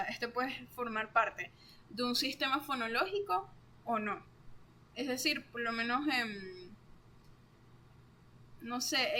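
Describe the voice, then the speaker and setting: A woman's voice: fairly high pitch, pushed and bright, a little hiss or hum. A young woman explains course material in a casual, chatty way, full of fillers.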